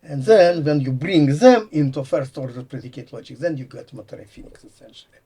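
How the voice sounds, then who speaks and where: This older man from Latvia, a guest and computer science professor, has a high-leaning, expressive voice that is mellow and husky and moves a little fast. His Latvian accent colors a thinking-aloud explanation in which articles frequently go missing.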